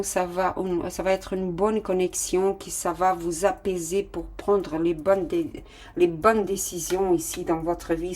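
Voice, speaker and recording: A woman's voice: lowish voice, a little mellow. Woman tarot reader. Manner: affectionate, calls listeners "my loves", many fillers. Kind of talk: casual tarot reading.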